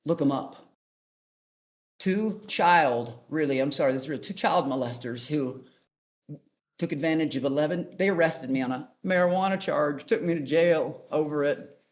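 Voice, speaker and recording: A man's voice: a little high, moderate pace. A man guest on a call-in interview, telling his story in a blunt, profane, rambling way. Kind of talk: casual storytelling.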